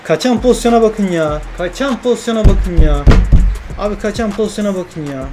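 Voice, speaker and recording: High-voiced young man, excitable game commentary. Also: fairly quick, over music. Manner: shouts at teammates, frustrated and joking. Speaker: gaming YouTuber.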